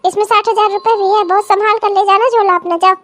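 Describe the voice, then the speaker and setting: A scheming old cartoon mother-in-law who rules her household with threats and coos over her own daughters. The voice is shrill and very high, with a bossy, scolding bite. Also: fairly even intonation, quick pace, fairly bright tone. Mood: fussing. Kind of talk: cartoon comedy voice acting.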